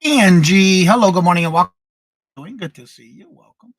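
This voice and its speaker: A man's voice: high-pitched, normal speed, dry recording, clean studio sound. A man hosting a casual livestream morning show, greeting viewers by name with the same welcome each time, over a choppy connection that cuts out mid-word. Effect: choppy internet audio that cuts out mid-word. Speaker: host.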